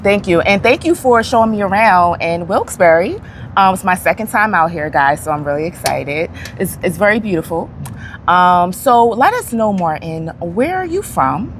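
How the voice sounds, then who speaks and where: A woman's voice: fairly low pitch, sing-song, normal speed, slight background noise. Upbeat woman hosting an interview. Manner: upbeat, eager, many fillers. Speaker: interview host. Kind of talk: casual video interview. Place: outdoors in a city.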